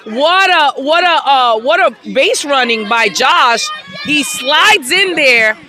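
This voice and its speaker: A woman calling a softball game play by play from outdoors at the field, excitable and hyping each play with shouts. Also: high-pitched, slow, background noise. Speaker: play-by-play commentator. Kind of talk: amateur sports commentary.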